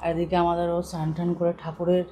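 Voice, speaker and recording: A woman with a Bengali accent, chatting casually as she cooks in her home kitchen, keeping her voice soft and slow. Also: on the low side, completely flat delivery. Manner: talks softly and slowly so as not to wake a sleeping child. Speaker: vlogger. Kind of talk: casual cooking vlog narration. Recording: noisy home recording.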